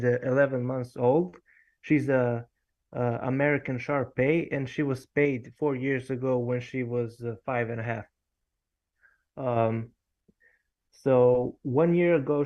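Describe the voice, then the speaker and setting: Slow, hesitant man calling in. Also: medium pitch, lo-fi sound. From Serbia. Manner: hesitant, many fillers, detailed. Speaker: caller.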